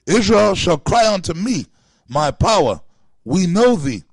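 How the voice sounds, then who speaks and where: A man's voice: high voice, very animated, measured pace, husky, no echo. A man in an open religious forum, reading scripture aloud and scolding his critics in a profane, confrontational way. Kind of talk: preaching, reading scripture with commentary.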